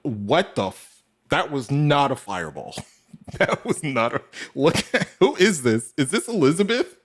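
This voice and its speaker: Male reaction host, casual and profane, pitch leaps all over. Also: big pitch swings, a little slow, slight background noise. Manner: laughs often and swears freely.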